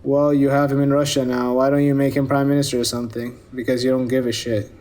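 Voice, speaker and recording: Man pressing hard with sharp questions. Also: mid-range voice, flat delivery, fast talker. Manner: pressing, lecturing, sarcastic. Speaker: interviewer. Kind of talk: pointed questioning.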